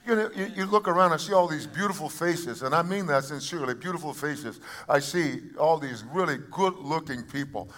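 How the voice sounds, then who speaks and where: A man with a high voice preaches a sermon to his congregation. He drops to quiet, conversational asides, then rises to loud, emphatic calls. He often repeats a word and restarts his phrase as he goes. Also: brisk, hardly any pauses. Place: church service before a congregation.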